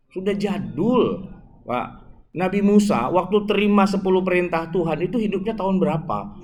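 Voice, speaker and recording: A middle-aged man preaching in a casual, storytelling way. He acts out dialogues and keeps turning to his listeners as "Pak". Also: high voice. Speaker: Islamic preacher.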